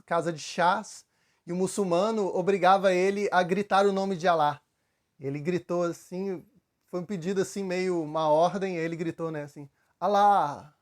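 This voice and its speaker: A man with a Brazilian Portuguese accent giving a relaxed, conversational spiritual talk, telling stories with frequent fillers. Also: high voice. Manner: relaxed storytelling with frequent fillers, acts out quotes. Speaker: spiritual teacher.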